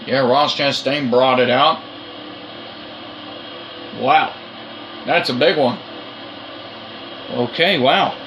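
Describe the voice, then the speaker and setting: A man giving excited commentary on his own racing game play, urgent and repetitive as he coaxes and cheers. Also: medium pitch, slow, long pauses, a little hiss or hum, poor audio.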